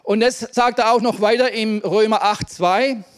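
Male preacher, high voice, fervent sermon delivery with Amens, big reverberant church hall. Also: steady tone, unhurried, clean tone. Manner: emphatic preaching with Amens and questions to the congregation.

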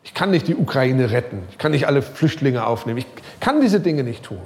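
A middle-aged male pastor preaching a sermon, talking casually and directly to his listeners, his voice rising and falling. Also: a little fast. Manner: lively preaching, pitch rising and sinking, some quiet passages; casual, direct address with English loanwords.

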